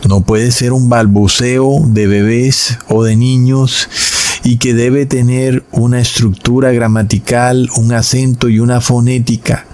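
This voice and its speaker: Deliberate male preacher teaching scripture. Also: mid-range voice, a little mellow. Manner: deliberate, slowing words down for emphasis; addresses listeners as brothers. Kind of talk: sermon-style Bible teaching.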